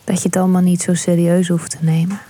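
A woman guiding a visualization meditation, speaking softly and soothingly and often slipping into a whisper. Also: lowish voice, flat delivery, fast talker, husky. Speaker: meditation guide.

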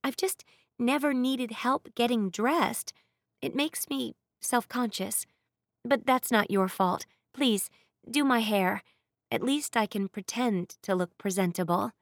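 A woman's voice: on the high side, slow, no echo, clean studio sound. A woman voicing a grumbling stubborn heroine. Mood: soft. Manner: grumbling, snappish.

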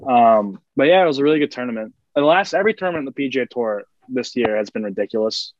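A man's voice: mid-range voice, lively intonation, fast, dry recording, lo-fi sound. A man co-hosting a sports podcast, rambling through long explanations of golf rules in casual chat. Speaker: podcast co-host.

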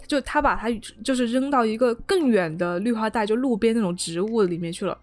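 Fast-talking woman podcast co-host. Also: on the high side, soft background music. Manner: chatty, keeps asking "you know?". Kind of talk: casual chat, storytelling.

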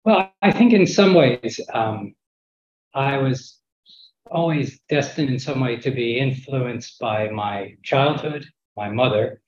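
A man giving reflective interview answers in a measured way, pausing mid-thought. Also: medium pitch, expressive, a little mellow. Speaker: interview guest, architect. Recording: roomy, dull lo-fi internet call.

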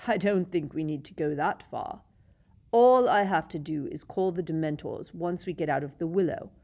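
A woman's voice: low voice, moderate pace, dark tone. A woman reading aloud and voicing a cold, bitter middle-aged male teacher with a silky, sneering manner in a storybook. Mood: menacing. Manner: sneering, silky, rising to shrieks.

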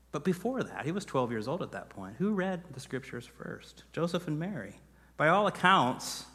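Man, pastor, sermon, earnest, emphatic swells, long hall reverb. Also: medium pitch. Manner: earnest, rising to emphatic peaks, then dropping quiet.

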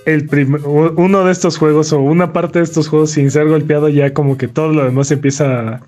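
A man reads gaming news on a podcast in a relaxed, chatty way. His voice sits a little high for a man, and he peppers his talk with casual slang. Faint music plays underneath. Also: fairly quick. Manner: relaxed, says dude a lot. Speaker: podcast co-host reading news.

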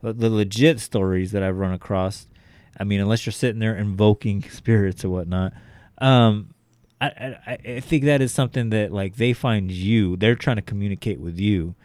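A man's voice: lowish voice, moderate pace, darkish tone, dry recording. A young adult man, a podcast co-host, telling a rambling, profane story in casual chat, full of fillers like "you know" and "like".

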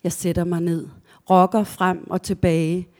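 A woman reading aloud from her own prose in a measured, deliberate way after a short spoken introduction. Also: lowish voice, flat delivery, darkish tone.

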